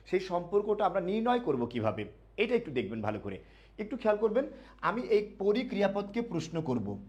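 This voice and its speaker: A man teaching a live online grammar class to admission students. He asks the students questions and answers them himself, repeating key words slowly. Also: high voice, a little mellow.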